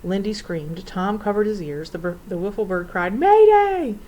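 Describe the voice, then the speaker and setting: A woman narrating a children's storybook in an expressive, theatrical way. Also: fairly low pitch, normal speed, poor audio. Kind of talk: storybook reading.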